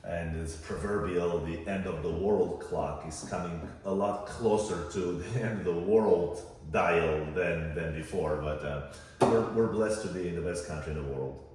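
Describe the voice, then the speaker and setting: A man's voice: low voice, normal speed, darkish tone. A man co-hosting a podcast, chatting casually and rambling reflectively with plenty of fillers. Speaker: podcast co-host. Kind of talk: casual chat. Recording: echoey room, far from the mic, faint noise.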